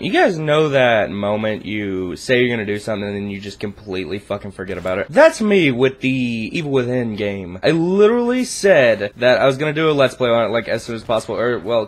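A man hosting his gaming channel, giving casual, rambling gameplay commentary full of profanity. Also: mid-range voice. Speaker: YouTube gaming channel host.

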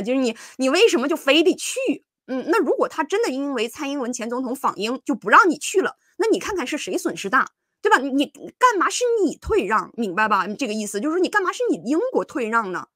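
A woman's voice: a little high, fairly bright tone, no echo, clean studio sound. A woman hosting a livestream of political commentary, talking casually with many fillers and restarts and breaking into scolding asides.

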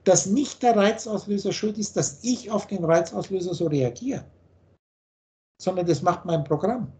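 A man's voice: high voice, moderate pace, mellow. A man teaching in a video call, blunt and preachy, firing off rhetorical questions. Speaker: spiritual teacher.

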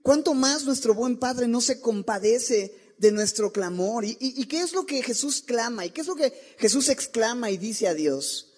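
A man's voice: very high voice, lively intonation, normal speed, hardly any pauses, darkish tone. A man, preaching a sermon in a church and asking his listeners many rhetorical questions. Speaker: pastor. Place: church sanctuary.

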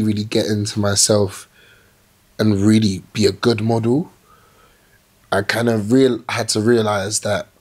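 A young man talking as a podcast guest in a small indoor studio, reflective and animated, telling his story with restarts. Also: lowish voice, husky. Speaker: plus-size model, podcast guest. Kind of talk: casual interview chat.

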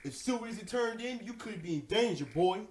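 A man voicing a swaggering, profane rabbit village boss from a video game, read over loud game music. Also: sits high, animated, normal speed, echoey room. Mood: taunting. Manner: drawling, taunting, profane.

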